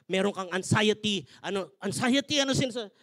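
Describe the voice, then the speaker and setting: High-voiced, energetic male pastor preaching. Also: a little fast. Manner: energetic, emphatic preaching, mixing in English verses. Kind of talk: sermon at a men's conference.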